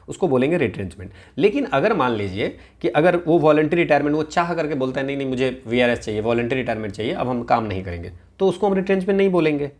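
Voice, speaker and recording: Man lecturing, checking in often. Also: a little high. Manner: explains in a mix of Hindi and English, with frequent checks of "है ना?" and "ठीक है". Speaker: teacher. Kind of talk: exam-prep lecture.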